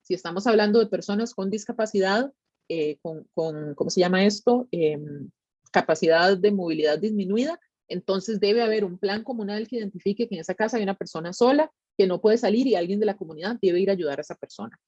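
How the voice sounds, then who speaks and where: Female presenter, Costa Rican Spanish, medium pitch, conversational teaching delivery, dull close recording. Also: fairly quick, darkish tone, no room sound. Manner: conversational, checks in with tag questions. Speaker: tsunami monitoring specialist giving a public talk. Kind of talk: explanatory educational presentation.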